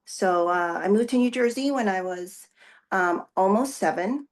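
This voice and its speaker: A woman in her forties with a mid-range voice speaks at a measured pace. Raised in the Philippines with Tagalog as her first language, she is an executive pastor appearing as a guest, answering interview questions thoughtfully with many fillers and restarts.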